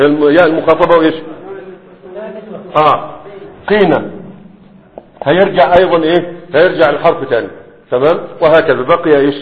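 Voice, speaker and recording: A man with an Egyptian accent teaching a grammar lesson, explaining step by step and often checking that students follow. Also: fairly high pitch. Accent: Egyptian Arabic. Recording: tinny, echoey hall.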